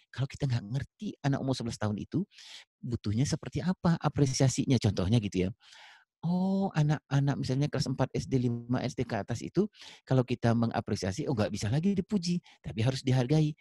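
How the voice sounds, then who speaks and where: A man's voice: mid-range voice, breathy edge, dry recording, studio quality. A middle-aged man giving a parenting talk to parents, addressing them directly and acting out little dialogues to make his points. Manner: lively storyteller, acts out dialogue in raised voices; addresses listeners directly as ayah and bunda. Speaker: parenting speaker.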